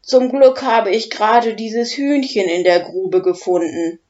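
Udo: a woman doing a booming hungry dragon. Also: unhurried, darkish tone, dull audio, natural voice. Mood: gruff, booming. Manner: booming, smacking lips. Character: big hungry male dragon, gruff and grumpy.

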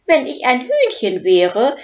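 A woman's voice: high voice, huge pitch swings, takes it slowly, highs cut off, voice pushed up, heavily acted. A woman voicing an indignant old male professor over seventy who keeps protesting, in a storybook reading.

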